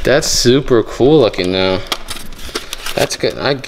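A young man casually narrating a vlog as he digs through a storage unit, joking and thinking out loud. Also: medium pitch, lively intonation, takes it slowly, a little hiss or hum. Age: young adult. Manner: chatty, joking, thinking aloud while rummaging. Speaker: storage unit treasure hunter. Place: indoor metal storage unit.

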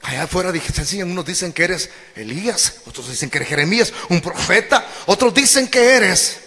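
A high, bright male voice preaching with lively, wide-ranging pitch. He swings from shouted declarations to low, drawn-out phrases in a sermon to his church. The sound rings with long reverb from a large hall. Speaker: pastor.

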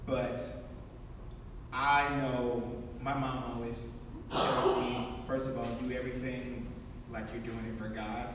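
A man's voice: medium pitch, noisy background. Panel speaker, male, earnest with easy chuckles; distant stage mic in a long-reverb hall. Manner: earnest, chuckling between thoughts. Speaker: panelist, singer. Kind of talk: panel discussion answer. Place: stage in a large hall before an audience. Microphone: stand mic, heard from afar.

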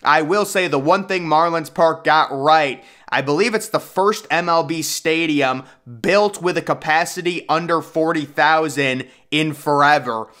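A man's voice: fairly high pitch, a little slow, hardly any pauses, sharp tone. A young man giving casual, opinionated commentary in a voice-over, enthusiastic and conversational. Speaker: YouTube sports commentator.

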